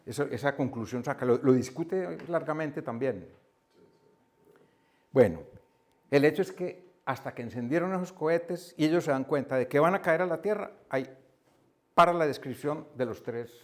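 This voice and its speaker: Male book club speaker, casual storytelling, average pitch. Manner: storytelling, laughs often, repeats himself. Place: coworking room with a small group.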